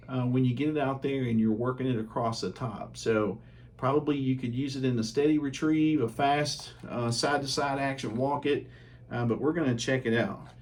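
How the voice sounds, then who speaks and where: A man hosting his fishing channel, casually reviewing baits at home in a relaxed, chatty way with lots of ums and uhs. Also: medium pitch.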